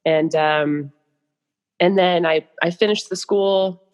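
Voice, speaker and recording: Here a podcast guest, a young adult woman from the United States, spins casual conversational stories in loose phrasing with plenty of asides. Her voice runs on the low side with a steady tone and a slow pace, echoing in a large hall.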